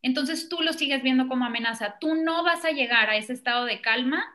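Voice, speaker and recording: Bright high-voiced woman explaining. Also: fairly quick. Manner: animated, acts out children and parents in quoted voices. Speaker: parenting expert. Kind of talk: explanatory conversation.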